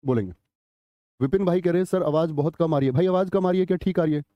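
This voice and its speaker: A man's voice: a little high, fast talker, dry recording, dull audio. A man teaching a live online exam-prep class, chatty, quizzing students and reading their chat comments aloud. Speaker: Hindi teacher.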